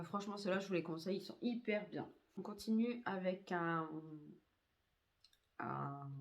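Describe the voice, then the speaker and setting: A woman's voice: mid-range voice, bright, forceful tone, slight background noise. A woman reviewing used-up beauty products in a chatty way, full of hesitations and fillers. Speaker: beauty vlogger.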